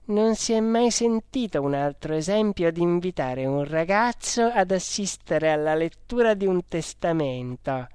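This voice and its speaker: A reader of a storybook voicing a sharp-tongued young older sister who speaks emphatically, like a know-it-all. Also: medium pitch, lively intonation, measured pace, hardly any pauses, clear, resonant tone, dry recording, studio quality, voice pushed up, natural voice. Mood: emphatic.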